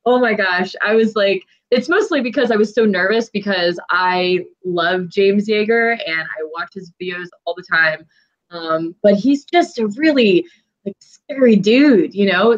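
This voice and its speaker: Woman, podcast guest, bubbly, animated, muffled sound. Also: medium pitch, normal speed. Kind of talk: casual podcast chat.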